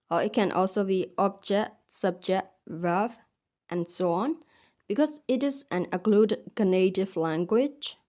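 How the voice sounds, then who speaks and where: With a dark-toned, mid-range voice, a young woman from Myanmar teaches her language informally. Her accent is Burmese, and she patiently says each word two times.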